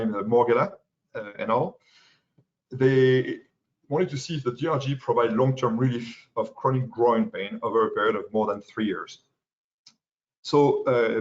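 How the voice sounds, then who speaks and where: A young man with a French accent giving a medical webinar lecture as a fellow, halting with fillers and restarts. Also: mid-range voice. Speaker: pain medicine fellow presenting. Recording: dull lo-fi webinar audio.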